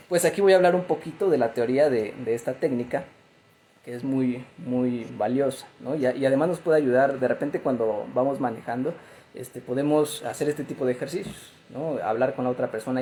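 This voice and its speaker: Therapist guy talking thru grief stages, mellow low-key voice, lots of "este" and "¿no?", bit of hiss behind. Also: rough recording. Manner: conversational, frequent fillers and tag questions. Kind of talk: explanatory talk on grief.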